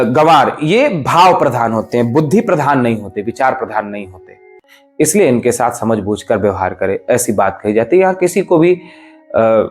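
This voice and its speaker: A man, a spiritual teacher, giving a devotional discourse in an emphatic, explanatory way. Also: mid-range voice. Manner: emphatic, explanatory, rises and falls sharply for stress.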